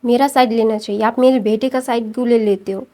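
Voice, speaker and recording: A woman's voice: fairly high pitch, fairly even intonation, dark tone, natural voice. Woman playing a strict scolding mother. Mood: complaining.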